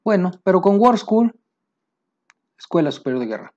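A man with a Mexican Spanish accent teaching military vocabulary, pausing to say each English term slowly and plainly. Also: high voice, very animated, darkish tone, muffled recording. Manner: explains terms, slows down for English words. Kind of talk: vocabulary lesson.

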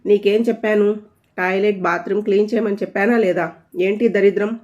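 A woman voicing a fussy, quick-tempered young husband who scolds and gives orders. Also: medium pitch, steady tone, darkish tone, close to an everyday voice. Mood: angry. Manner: bossy, scolding. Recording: dull lo-fi audio.

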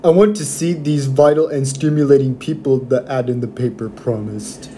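A man voicing a deadpan, sardonic house cat in a dry, sarcastic comic strip reading. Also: medium pitch, moderate pace, slight background noise, natural voice.

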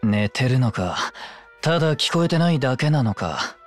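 Man acting a gruff, animated, sardonic adventurer. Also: mid-range voice, normal speed, faint music behind, lightly acted. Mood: gruff, doubtful. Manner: blunt, rough, grumbling. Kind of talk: video game character acting.

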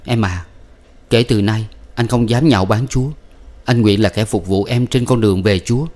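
A male audiobook reader voicing a proud, bitter young husband who rants loudly and theatrically. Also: on the low side, moderate pace, natural voice. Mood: contrite. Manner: loud, ranting, theatrical outbursts.

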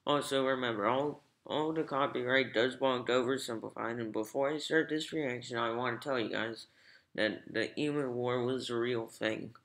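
A man hosting a reaction video in halting, casual commentary, repeating his words, with an echo as if from another room. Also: mid-range voice, steady tone, fairly bright tone. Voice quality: echoey, as if heard from another room. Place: large echoey room, indoors.

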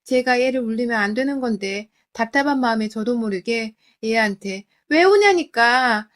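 A woman narrating a scripted first-person family story in an emotional, confiding way. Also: a little high.

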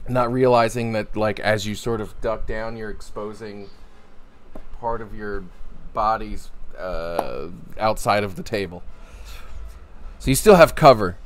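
A man acting as game master, narrating a tabletop game in a casual, profane way while thinking aloud. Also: fairly low pitch.

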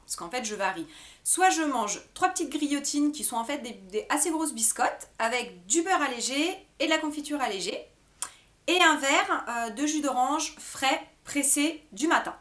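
A woman's voice: fairly high pitch, a bit bright. A young woman from France, a beauty vlogger chatting casually to camera and answering viewer questions, giggly and full of fillers. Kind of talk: casual FAQ chat to camera.

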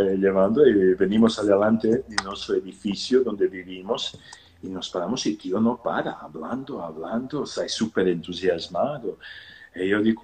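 Over a video call picked up by a phone or laptop, a pilgrimage organizer being interviewed tells a story in a low voice. He's animated, laughs often, and quotes people in lively voices as he casually recounts events.

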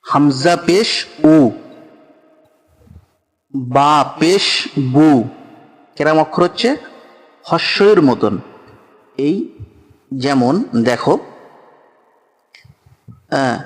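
A man's voice: a little high, animated, drawn-out words, pauses often, in a large hall. A man teaching Quran reading, patiently spelling out each letter and syllable aloud. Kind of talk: slow spelling-out lesson.

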